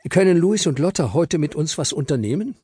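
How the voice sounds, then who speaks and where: A man's voice: fairly high pitch, lively intonation, fairly quick, dark tone, breathy edge, no echo, studio quality, pitched above the performer's own voice. A man voicing a sensible, level-headed boy who organizes his friends. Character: sensible bossy boy leader.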